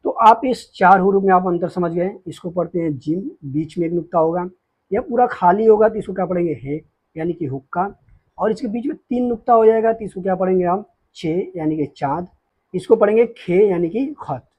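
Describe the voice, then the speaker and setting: A man teaching beginners the Urdu alphabet, patiently explaining each letter and often checking with a quick "okay". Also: high-pitched, husky, highs cut off. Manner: slows down to spell out letters.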